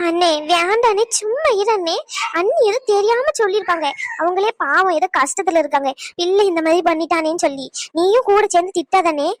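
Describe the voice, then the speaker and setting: A woman voicing a pleading aunt in a cartoon, trying to calm a family quarrel. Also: extremely high pitch, brisk, no echo. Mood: placating. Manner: pleading, placating. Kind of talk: cartoon voice acting.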